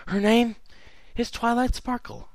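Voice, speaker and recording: A man's voice: very high voice, steady tone, unhurried, vocal fry, no room sound, pitched above the performer's own voice, heavily acted. Grave pony princess as a man reads her, lifted voice, solemn and earnest, dry close sound. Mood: solemn, wistful. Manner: solemn, earnest letter-reading. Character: regal, sorrowful immortal pony princess, woman. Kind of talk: fan fiction reading.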